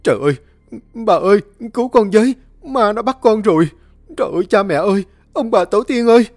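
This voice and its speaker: A man's voice: a little high, normal speed, no room sound, studio quality, soft background music, pitched above the performer's own voice, close to an everyday voice. A man voicing a timid young male servant in a storybook tale, stammering and crying out in fright. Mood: panicked. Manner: stammering, panicked cries.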